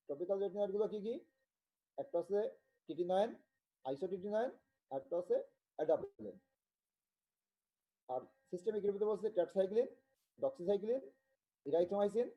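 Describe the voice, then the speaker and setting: A man from Bangladesh giving an online medical tutorial, talking haltingly and repeating himself as he checks in with students. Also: sits high, lively intonation, dark tone, poor audio. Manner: halting, repetitive, with many restarts and check-ins. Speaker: medical lecturer.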